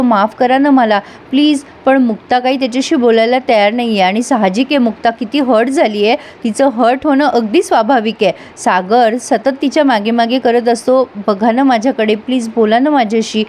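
A woman's voice: on the high side, darkish tone. A woman reviewing a TV serial episode in a casual recap, chatting directly to her viewers.

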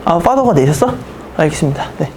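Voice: mid-range voice, big pitch swings, brisk, darkish tone, a little hiss or hum. A math teacher in their thirties giving a casual classroom lecture, blunt and teasing with the students.

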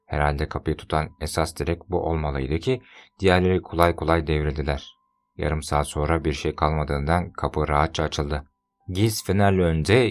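A man narrating an audiobook in a steady, measured reading. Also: very deep voice. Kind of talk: scripted narration.

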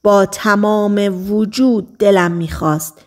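A woman narrating a novel as an audiobook, in measured storytelling that slows on key phrases. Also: medium pitch, fairly even intonation, darkish tone. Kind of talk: scripted narration.

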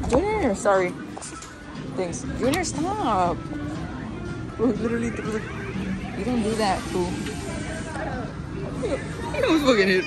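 Young woman vlogging casually over loud music. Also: on the high side, low-quality recording. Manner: slangy, swearing banter. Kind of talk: casual chatty vlog. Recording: loud music and crowd noise behind. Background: loud music and busy crowd chatter.

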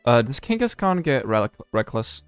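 A man's voice: mid-range voice, moderate pace, smooth, no echo, soft background music. A young man hosting a let's play, chatting casually and jokily over the game and reading its lines aloud. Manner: animated, jokey, reads game lines aloud. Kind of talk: casual gameplay commentary.

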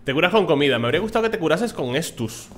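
A man's voice: fairly high pitch, big pitch swings, very fast, a bit bright, slight background noise. A young man with a Spain Spanish accent chatting casually and swearing lightly as he plays through a game. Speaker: gameplay streamer. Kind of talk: casual let's play commentary.

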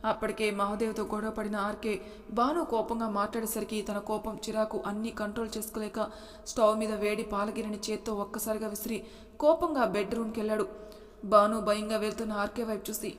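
A woman narrating a romance story in a steady, expressive reading. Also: mid-range voice, fairly quick, in a large hall.

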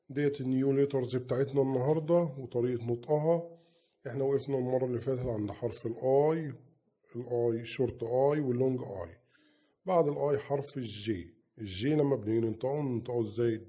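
A man's voice: medium pitch, quick pace, warm tone, breathy edge. A man with an Egyptian Arabic accent teaching English letter sounds in a recorded lesson, saying each example word twice as a drill.

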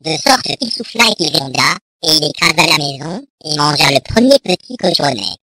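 Fairy-tale narrator, measured and even. Bright tone, dry close recording. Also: mid-range voice, no echo, low-quality recording. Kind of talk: storybook reading.

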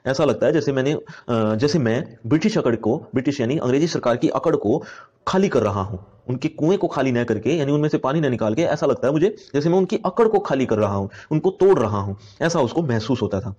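A man's voice: medium pitch, expressive, a little fast, darkish tone, husky. A man teaching a class poem, reading each verse aloud and then explaining it in simple words, with many fillers. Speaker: Hindi teacher.

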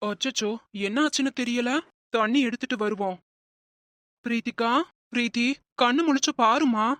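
A woman voicing a kind middle-aged man in a cartoon, speaking with gentle concern and mild scolding. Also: on the high side, moderate pace, dry recording, close to an everyday voice. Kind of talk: cartoon voice acting.

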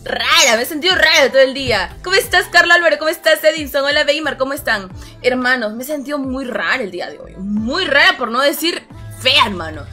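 High-pitched bright-voiced woman streamer. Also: lively intonation, faint music behind. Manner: chatty, greets viewers one by one and reads out comments; ends phrases with a low, drawn-out "hermano". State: voice strained, rough. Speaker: live-streaming gamer. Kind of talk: casual live-stream chat.

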